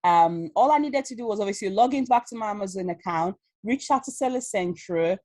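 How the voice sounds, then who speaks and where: With a mid-range voice, a slightly fast delivery, and clean, echo-free studio sound, a woman in her thirties from Leeds tells her story. She's a guest and Amazon seller in a casual video-call interview, speaking Yorkshire with Nigerian touches. Animated, she laughs often and uses a lot of fillers.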